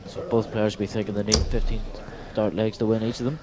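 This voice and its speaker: A man's voice: lowish voice, little pitch movement, a little fast, warm tone. A man co-commentating on darts in a conversational style. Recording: crowd chatter behind the voice.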